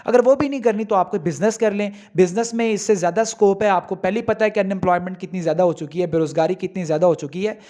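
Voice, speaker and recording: Brief: male coaching-channel host, high voice, earnest and pushy. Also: fast talker, few pauses, mellow. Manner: earnest, exhorting, rhetorical questions. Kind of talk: motivational talk to job seekers.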